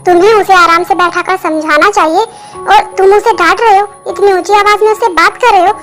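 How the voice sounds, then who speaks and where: A woman's voice: extremely high pitch, fairly even intonation, brisk. A woman voicing a strict middle-aged mother who scolds her son sternly, in a Hindi fan dub. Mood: angry. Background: background music.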